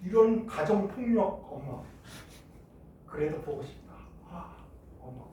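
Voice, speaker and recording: A middle-aged man from Jeju Island telling a childhood story in a classroom chemistry lecture, acting out shouting voices along the way. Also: high-pitched, unhurried, noisy background. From Jeju Island, Korea. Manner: animated, acts out shouting voices in his stories. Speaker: chemistry teacher. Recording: echoey room, mic far off.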